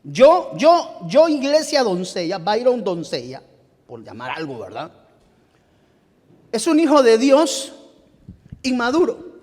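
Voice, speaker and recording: A male pastor with a high voice and a Guatemalan Spanish accent delivers a sermon from the pulpit. He talks in halting bursts, restarting phrases as he hunts for words. His voice rings with the long reverb of a church hall. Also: wildly swooping pitch, darkish tone. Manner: addresses listeners directly as beloved brother. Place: church sanctuary.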